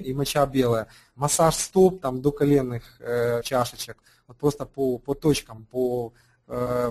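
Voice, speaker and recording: A man's voice: medium pitch, mellow. A man talking as an alternative health practitioner, unscripted and hesitant, with frequent fillers and restarts. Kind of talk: unscripted explanatory talk.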